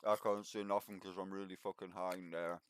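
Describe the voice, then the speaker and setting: A man's voice: low-pitched, little pitch movement, fairly quick, clear, resonant tone, no echo, clean studio sound. A man from Northumberland with a mixed Northumbrian and Geordie accent, talkative, laid-back and sweary, chatting casually while gaming online. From Northumberland, England. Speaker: game streamer.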